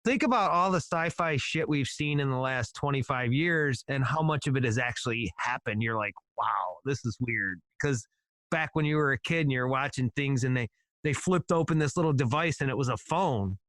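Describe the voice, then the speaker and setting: A man hosting a podcast, chatting in a relaxed, rambling, agreeable way. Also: a little high, moderate pace, dry recording. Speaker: podcast host. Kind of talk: casual podcast conversation.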